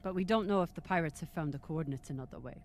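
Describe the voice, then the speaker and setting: Woman playing composed female captain in a sci-fi game, really deep for a woman, commanding. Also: a little mellow, faint music behind, lightly acted. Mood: composed, guarded. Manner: measured, commanding.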